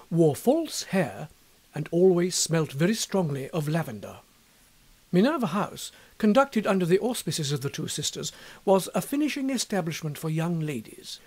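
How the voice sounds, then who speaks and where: A man reading a classic story aloud in a wry, measured narrating style. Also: high-pitched, a little mellow. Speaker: audiobook reader.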